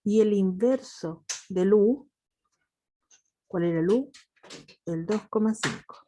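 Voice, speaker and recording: A woman's voice: mid-range voice, takes it slowly, noisy background. A woman with a Chilean accent teaching a math class over a video call, patient and affectionate with her students. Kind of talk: online class lecture.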